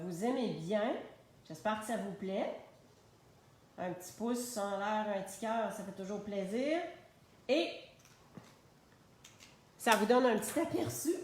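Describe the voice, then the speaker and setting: Slow-talking Québécois woman in an echoey room. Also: medium pitch, a little mellow. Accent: Québécois French. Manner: chatty, unhurried, narrating while she colors. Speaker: craft demonstrator. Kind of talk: live stamping and coloring tutorial. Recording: very echoey room, faint noise.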